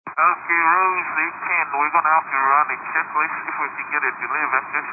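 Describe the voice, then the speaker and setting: A male airline pilot making terse, steady calls over a headset radio transmission. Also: on the high side, a little fast. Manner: clipped, steady under pressure. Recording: tinny noisy radio archive audio.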